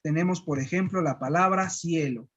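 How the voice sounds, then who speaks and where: Un profesor de Guatemala que enseña pronunciación con calma, repitiendo sílabas despacio. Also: medium pitch, lo-fi sound. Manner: patient, repeats syllables slowly. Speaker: language teacher. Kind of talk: slow pronunciation lesson.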